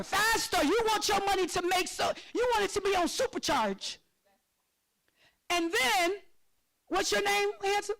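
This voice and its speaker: A woman presenting a financial literacy workshop, lively and excitable, laughing often and calling on audience members by name. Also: very high-pitched, poor audio. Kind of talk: interactive workshop teaching.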